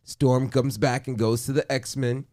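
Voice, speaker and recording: A man hosting a podcast, chatting casually and excitedly in quick bursts with restarts. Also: mid-range voice. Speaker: podcast host. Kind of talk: casual chat.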